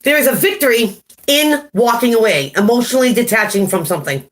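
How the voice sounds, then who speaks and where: A woman's voice: fairly high pitch, lively intonation, a little fast. A woman giving a casual live-stream tarot reading, chatty, laughing at her own jokes and greeting viewers by name. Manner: chatty, laughs at herself often. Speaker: tarot reader.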